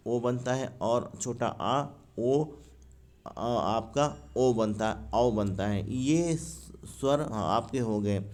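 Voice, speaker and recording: A man's voice: medium pitch, darkish tone. A man teaching grammar for an exam from handwritten notes, calling viewers friends and asking and answering his own questions. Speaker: exam-prep YouTube teacher.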